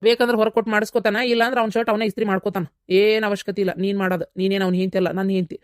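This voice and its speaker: A woman with a North Karnataka accent voicing a calm mother who lectures patiently in a cartoon comedy. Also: medium pitch, clear, resonant tone, dry recording, studio quality. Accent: North Karnataka Kannada. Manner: quick, lecturing, calming. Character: mother-in-law, calm, scolding her son kindly.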